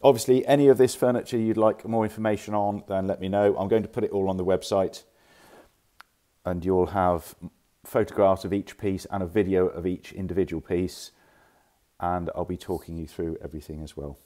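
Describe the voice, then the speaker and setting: On a handheld phone camera, a furniture dealer casually strolls through his warehouse stock, chatty and informal and occasionally fixing what he's said. He has a low, dark voice with a steady tone and a fairly quick delivery.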